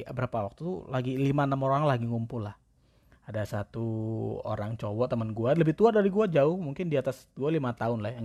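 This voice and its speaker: A young man with chatting casually in a self-deprecating monologue. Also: mid-range voice. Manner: chatty, slangy, self-deprecating, mimics cat-talk voices.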